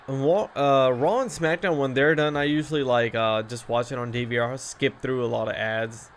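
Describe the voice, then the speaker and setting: A male gaming streamer, stuffy from allergies, chatting casually and reacting loudly to the game. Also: medium pitch, steady tone, normal speed, a little hiss or hum. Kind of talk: casual gameplay commentary.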